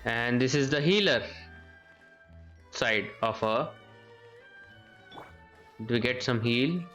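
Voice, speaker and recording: A game streamer gives casual live commentary, thinking aloud and often repeating his phrases, with video game music playing behind him. His voice is medium-pitched and fairly bright, and he speaks slowly.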